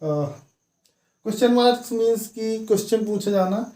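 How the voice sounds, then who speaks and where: A man's voice: high-pitched, unhurried, dark tone. A man teaching English grammar in a step-by-step classroom lesson, repeating his key words as he explains. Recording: echoey room.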